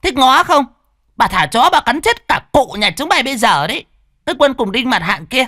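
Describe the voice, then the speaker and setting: A man voicing a cruel young stepmother who screeches abuse in a shrill voice. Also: moderate pace, a bit bright, clear, resonant tone, no echo, studio quality, lightly acted. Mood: shrieking, furious.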